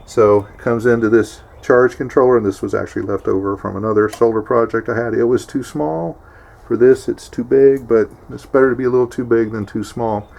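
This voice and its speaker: The host of a homesteading video channel gives a casual, plainspoken instructional vlog, folksily showing viewers his homemade setup. His medium-pitched voice is steady, fairly quick, darkish, and has vocal fry.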